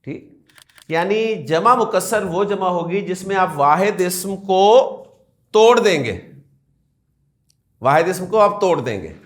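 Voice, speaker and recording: A man's voice: high-pitched, expressive, long pauses. A man teaching a class, who keeps asking his students questions and repeating the key points. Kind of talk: classroom lecture.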